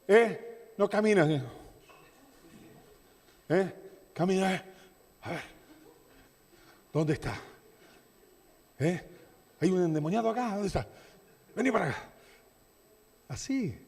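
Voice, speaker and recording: High-voiced Rioplatense pastor preaching in a hall. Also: male voice. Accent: Rioplatense Spanish. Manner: preaching with big swings from shouted declarations to soft asides. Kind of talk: sermon. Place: church hall. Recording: long reverb of a church hall.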